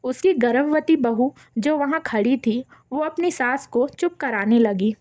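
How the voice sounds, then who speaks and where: A woman's voice: high voice, unhurried, a little mellow, dry recording. A woman telling a family moral story, reading the characters' lines in her own voice.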